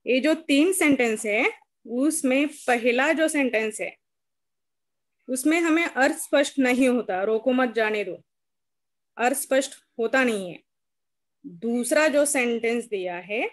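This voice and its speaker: A woman teacher from India gives an online lesson, going over each point more than once so pupils can follow. Her voice sits fairly high and she speaks at an unhurried, deliberate pace. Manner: slow, explanatory, repeats each point. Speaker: school teacher. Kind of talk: online lecture.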